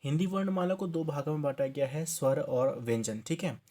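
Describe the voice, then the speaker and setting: A man's voice: a little high, fairly quick, dark tone. A man, from Uttarakhand by accent, teaching an exam-prep grammar lesson, explaining step by step, restarting words and checking in with "okay" as he goes. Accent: Hindi from Uttarakhand.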